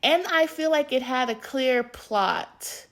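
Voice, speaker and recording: Lady cohost reviewing a movie, slow and opinionated, kinda high voice. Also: expressive. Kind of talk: casual movie review chat.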